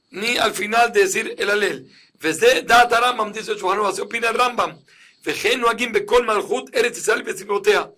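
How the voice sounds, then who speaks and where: Bright-voiced rabbi explaining law. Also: male voice, high-pitched. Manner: reads Hebrew quotes then explains them in Spanish. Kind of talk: explanatory religious lesson.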